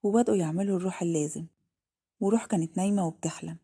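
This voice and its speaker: A woman's voice: fairly low pitch, mellow, slightly rough. A woman with an Egyptian Arabic accent narrating a dramatic story. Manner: rapid, plain reading.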